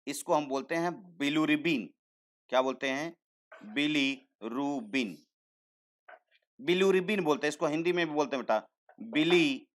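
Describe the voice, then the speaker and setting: Man teaching science in a higher voice. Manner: explains slowly, repeats terms, asks questions then answers them; calls students "beta". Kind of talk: online science lesson.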